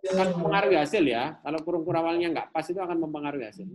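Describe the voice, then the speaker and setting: A man's voice: on the high side, very fast, a crowd in the background. A male programming lecturer with an Indonesian accent, casually explaining code in a live class, repeating himself as he thinks aloud. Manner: repetitive, thinks aloud while demonstrating.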